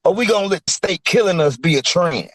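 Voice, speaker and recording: A man performing a rhythmic spoken word poem in a half-sung delivery, with a husky voice. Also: high voice, lively intonation, fast talker, a bit bright, no echo.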